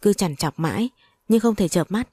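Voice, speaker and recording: A woman's voice: mid-range voice, animated, moderate pace, dark tone, breathy edge, no echo, studio quality. A woman narrating a family drama story aloud, reading every character's lines in a near-plain voice. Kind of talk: audio story narration with dialogue.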